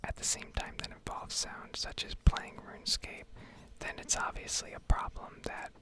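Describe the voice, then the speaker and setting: An ASMR gaming streamer, recording indoors at home, murmurs and whispers in a gentle, hesitant way without rushing. Her setup uses a Blue Yeti desktop microphone.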